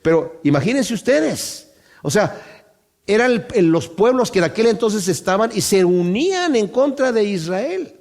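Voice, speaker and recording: A man preaching a Bible-study sermon, speaking emphatically to his congregation and slowing down to read scripture aloud. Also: high voice, very animated, darkish tone. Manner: addresses the congregation directly.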